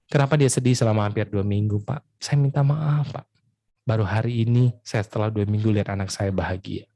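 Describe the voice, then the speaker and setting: A man's voice: fairly low pitch, fairly even intonation, brisk, gravelly, no room sound, voice pushed down. A man playing a sad, apologetic father. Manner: apologizing softly, repeating "Pak". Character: apologetic middle-aged father, humble and sad.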